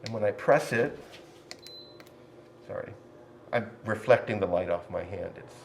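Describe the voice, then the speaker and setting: A man's voice: fairly low pitch, a little slow, vocal fry. A man giving an informal, emphatic shop orientation as an instructor, speaking plainly through a face mask that slightly muffles him. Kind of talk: informal spoken orientation, explaining rules and equipment. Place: indoor woodworking shop. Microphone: distant microphone. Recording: very echoey workshop, distant mic, faint noise.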